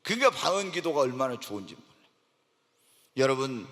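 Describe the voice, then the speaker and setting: A man's voice: mid-range voice, very animated, fairly quick, fairly bright tone. A man preaching a sermon as pastor, firing questions at the congregation and pressing them for answers. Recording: church hall with long reverb.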